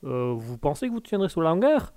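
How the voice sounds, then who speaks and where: A man voicing a condescending gentleman in a comic live-show bit. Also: fairly high pitch, sing-song, fairly quick, no echo, studio quality. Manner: condescending, drawls "mon cher".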